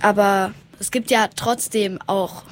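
Woman host, casual, hesitant, mid pitch, faint background ambience. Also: fairly even intonation, a little slow, slight background noise. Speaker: podcast host and interviewer. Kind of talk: casual interview chat.

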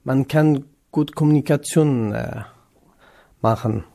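A man's voice: mid-range voice, slow, vocal fry, dark tone. Young man, hesitant German. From northern Iraq. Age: 20s. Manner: hesitant non-native German with many fillers. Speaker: interviewee, trainee cook. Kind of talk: radio interview.

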